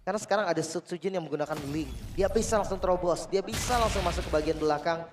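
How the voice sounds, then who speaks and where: Fast, high-voiced Indonesian male esports commentator. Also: noisy background. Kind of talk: energetic analytical game commentary.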